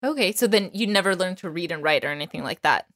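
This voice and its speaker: A woman's voice: fairly low pitch, lively intonation, fast talker. Field: laughing woman interviewer from Texas. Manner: laughs often, asks questions warmly. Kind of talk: casual interview conversation.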